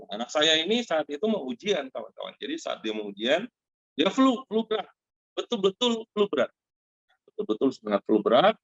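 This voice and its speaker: A middle-aged man hosting a Zoom meeting, telling a lively personal product story to friends in a casual way with many fillers. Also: on the high side, a little fast, dry recording. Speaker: Zoom meeting host giving a product testimonial. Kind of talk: casual spoken testimonial to an online group. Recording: dry, dull lo-fi video call audio.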